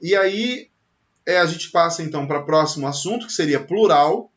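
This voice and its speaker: A man's voice: a little high, animated, normal speed, fairly bright tone. A Brazilian man teaching a beginner English lesson, talking conversationally and often checking in with "ok?". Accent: Brazilian Portuguese. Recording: slightly dull lo-fi sound.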